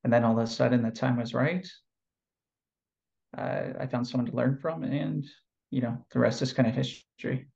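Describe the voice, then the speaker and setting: Heard in lo-fi sound, a medium-pitched man from California with vocal fry talks about his NLP training work in an interview. He's relaxed and reflective, his answers full of fillers and pauses.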